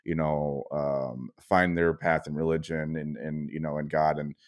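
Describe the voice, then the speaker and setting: A man with an extremely deep voice and a flat, narrow range. He interviews casually and supportively, feeling his way haltingly through each thought. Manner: supportive, halting, tentative phrasing. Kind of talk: casual chat.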